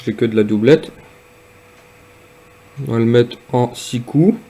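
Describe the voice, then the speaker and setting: A man casually demonstrating and reviewing a piece of gear, speaking hesitantly with frequent pauses and fillers. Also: medium pitch, mellow, slight background noise. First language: French. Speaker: product reviewer.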